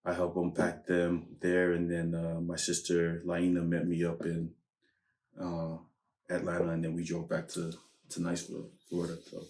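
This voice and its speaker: Male podcast guest, deep flat voice, reflective and halting delivery, roomy echo. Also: far from the mic. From United States. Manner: unhurried, hesitant, reflective. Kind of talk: casual chat. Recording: echoey room.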